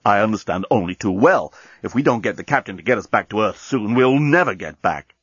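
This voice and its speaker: A man's voice: fairly low pitch, lively intonation, a little fast, fairly bright tone, slightly rough, dry recording, muffled recording. A man voicing an irritated young man who speaks curtly. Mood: urgent.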